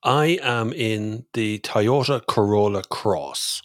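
A man co-hosting a motoring podcast, jokey and animated in casual chat and quick to laugh. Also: on the low side, no echo, clean studio sound. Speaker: podcast co-host, motoring journalist.

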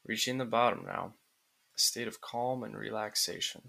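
A man narrating a guided relaxation script like a sleep story, in calm, soothing, deliberate phrases with pauses. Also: on the low side, vocal fry.

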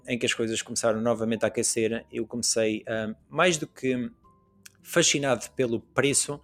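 Young portuguese guy, european portuguese accent, monotone and halting, lots of ums, faint music behind. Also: mid-range voice. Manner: hesitant, many fillers and restarts. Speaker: podcast guest. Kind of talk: casual conversation.

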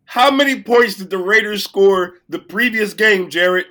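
A man's voice: high-pitched, measured pace. Sick-sounding man hosting a sports podcast. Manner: playful, boastful, gets loud when excited. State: sick, voice cracking. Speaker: podcast co-host. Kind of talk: casual sports chat.

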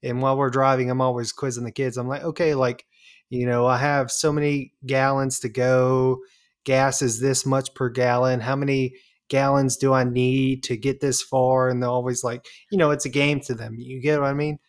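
A man in a loose podcast chat, telling stories and acting out both sides of the exchange. His voice sits in a middle pitch, and he drops a curse here and there without fuss. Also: little pitch movement, moderate pace. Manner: storytelling, acts out quoted dialogue, swears freely. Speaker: podcast co-host. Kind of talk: casual chat.

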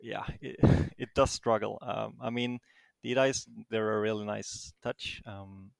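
Casting: male interviewee, Danish accent, fry-edged delivery, close dry sound, modest and hesitant. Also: lowish voice, steady tone, measured pace, no echo. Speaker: interviewed tournament champion. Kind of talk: casual interview answers.

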